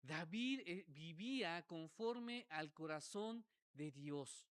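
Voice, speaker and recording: Male pastor, earnest sermon, slow measured delivery, higher voice. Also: animated, clean tone, no echo, clean studio sound. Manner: earnest preaching, swings from loud cries to hushed low asides; repeats words and restarts phrases.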